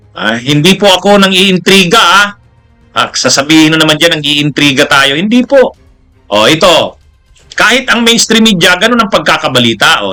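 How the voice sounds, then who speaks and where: A man's voice: high-pitched, bright, forceful tone. A Filipino man giving casual political commentary, chatty and mocking, laughing often and tossing in asides. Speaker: news commentary vlogger.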